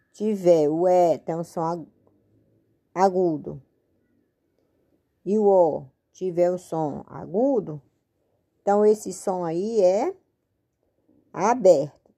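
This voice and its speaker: Brief: Brazilian woman teacher, slow unhurried delivery, mellow low voice, patient board lesson. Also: vocal fry, husky. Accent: Brazilian Portuguese. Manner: patient, spells and stretches words.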